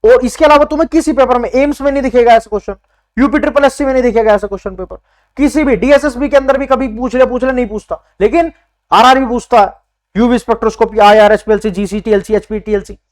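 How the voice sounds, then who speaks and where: A man's voice: extremely high pitch, quick pace. A young man teaching an exam-prep class in casual spoken style, repeating key points emphatically and calling students brother. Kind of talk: informal coaching lecture.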